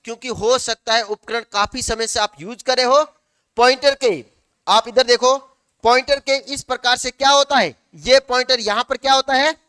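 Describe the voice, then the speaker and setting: A male teacher giving a lecture, asking the class questions and answering them himself, sometimes slowing down to dictate notes word by word. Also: extremely high pitch, steady tone, pushed and bright, clear, resonant tone, dry recording, clean studio sound.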